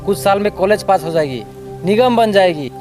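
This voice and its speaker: A sensible village friend, played by a man, mocks his pal in a bright, raised voice. Music plays clearly under this short film scene. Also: sits high, expressive, a little fast. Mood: teasing. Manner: teasing, blunt.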